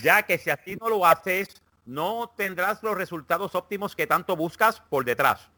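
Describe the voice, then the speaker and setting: A man's voice: high-pitched, animated, normal speed, sharp tone, a little hiss or hum. A man putting on a Spain Spanish accent to read horoscopes aloud in a mock-solemn way. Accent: put-on Spain Spanish accent. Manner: mock-solemn reading with cursing asides. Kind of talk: comic reading of horoscopes aloud.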